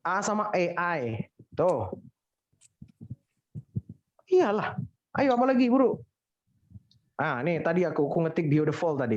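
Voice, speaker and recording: Woman teacher, lively drilling of words, teasing tone, dull lo-fi sound. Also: on the low side. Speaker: English pronunciation teacher. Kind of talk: classroom pronunciation lesson.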